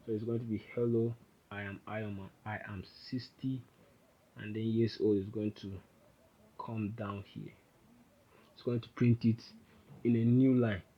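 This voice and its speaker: With a fairly low pitch and a level tone, a programming instructor talks unhurriedly and pauses often. He's giving a rambling, casual screen-recorded coding tutorial, regularly correcting himself as he types. The audio lacks high frequencies.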